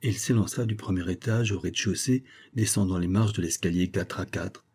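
A man reading a classic novel aloud in a measured, plain way. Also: deep voice, a little mellow, breathy edge. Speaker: audiobook narrator.

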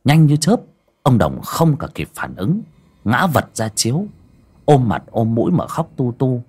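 A man narrating a horror story in a dramatic, expressive reading. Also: mid-range voice, unhurried, breathy edge.

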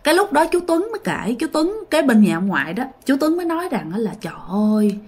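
A woman's voice: sits high, very animated, fast, darkish tone. A woman with a Southern Vietnamese accent telling a ghost story in a casual, chatty way, talking directly to her listeners.

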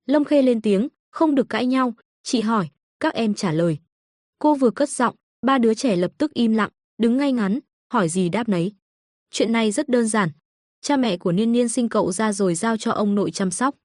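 A woman narrating an audiobook in a steady, even storytelling manner. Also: a little high, moderate pace, no echo, clean studio sound.

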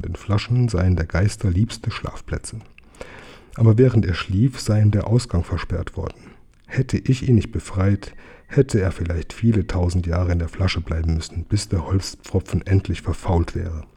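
A man narrating a children's audiobook in a calm, measured way. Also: low voice, creaky, slightly rough. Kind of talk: audiobook reading.

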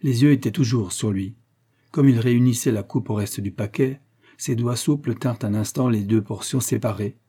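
Mellow, husky-voiced male narrator. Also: medium pitch, normal speed. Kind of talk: audiobook narration.

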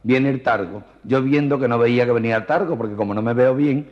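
A man voicing a camp, plastered, half-blind man who tells his story in a high, breathless and theatrical way, on a muffled old cassette. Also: fairly quick, big-room sound, lightly acted. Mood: dramatic, plaintive.

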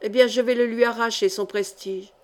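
A woman's voice: a little high, fairly even intonation, moderate pace, darkish tone, lightly acted. A woman reading an audiobook, voicing a proud, feverish male brigand chief who speaks in fierce, broken bursts. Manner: fierce, broken, vehement speech.

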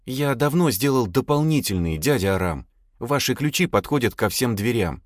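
A man's voice: mid-range voice, animated, normal speed, dry recording, studio quality, voice pushed up, lightly acted. A man voicing a scared young male hotel worker who pleads and whimpers. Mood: whining.

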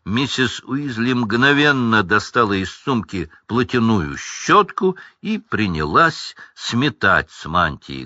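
A man reads a storybook in a calm, unhurried way, his voice low yet bright. The sound is dry and a little dull, close to the mic. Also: dry recording. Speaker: audiobook reader. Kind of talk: storybook narration.

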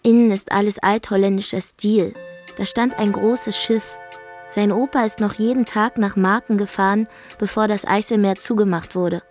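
A woman's voice: medium pitch, fairly even intonation, normal speed, darkish tone, faint music behind, close to an everyday voice. An actress narrating a radio drama monologue as a brash, defiant young woman from Zeeland, with a dry, wry storytelling manner. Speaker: first-person narrator.

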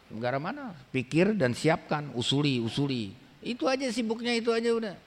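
Man preaching colloquially in a reverberant hall. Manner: colloquial, emphatic, lively swings in pitch. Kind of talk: dawn religious talk.

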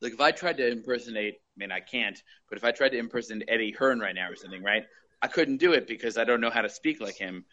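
A man's voice: medium pitch, quick pace, sharp tone, dull audio. A man in a casual group chat, talking hesitantly with many fillers. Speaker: podcast panelist.

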